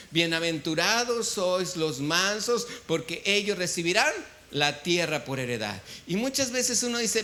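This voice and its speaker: A Mexican pastor preaches in church with a bright, tense edge to his fairly high voice. He keeps throwing questions at the congregation and waiting for them to answer back. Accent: Mexican Spanish. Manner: quizzes the congregation, call-and-response. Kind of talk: sermon.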